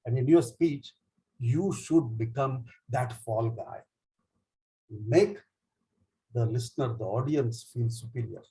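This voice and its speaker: A man with an Indian English accent leads a speech training session, explaining in a lively way with frequent fillers and retelling jokes in small acted voices. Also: medium pitch, takes it slowly, pauses often, rough recording. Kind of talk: online education session.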